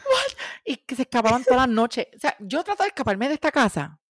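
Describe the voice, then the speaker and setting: A woman's voice: high-pitched, wildly swooping pitch, a little fast, no echo, studio quality. A Puerto Rican woman in her twenties chatting casually in Spanglish, dropping English words into her Spanish. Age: 20s. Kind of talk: casual chat.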